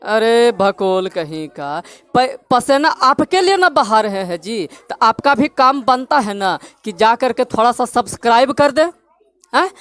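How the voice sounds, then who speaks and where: A woman's voice: sits high, animated, a little slow. A woman with a Bihari Hindi accent teaching English phonics, drilling students with repeated call-and-response questions. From Bihar, India. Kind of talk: classroom-style lesson.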